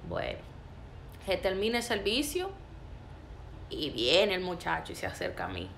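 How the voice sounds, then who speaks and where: A woman's voice: lowish voice, huge pitch swings, moderate pace, vocal fry, slight background noise. Emphatic woman preaching a sermon. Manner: emphatic, repetitive and forceful.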